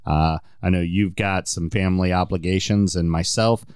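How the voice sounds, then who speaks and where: A man's voice: sits low, steady tone, moderate pace, darkish tone, smooth, dry recording, clean studio sound. A man hosting a casual sports podcast, with joking, rambling, self-deprecating banter. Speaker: podcast host.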